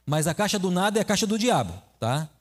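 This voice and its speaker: High-voiced preacher in an echoing hall. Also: male voice, sing-song, fast. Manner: conversational, asks the audience questions. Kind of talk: sermon. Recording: echoey hall reverb.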